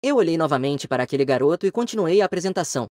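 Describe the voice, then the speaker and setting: Male narrator for a romance comic recap, animated delivery, dry close recording. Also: fairly high pitch, racing, no echo. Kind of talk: scripted story narration.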